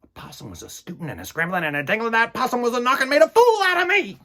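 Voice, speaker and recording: A man hosts a children's storytime, reading aloud and chatting in a theatrical, emphatic style that swings between loud bursts and hushed asides. His voice is very high, very animated and fast.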